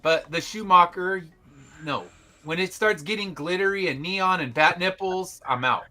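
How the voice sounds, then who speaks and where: Wry, bright-voiced middle-aged man. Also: sits high, normal speed. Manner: wry, joking. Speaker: podcast co-host. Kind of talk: casual chat.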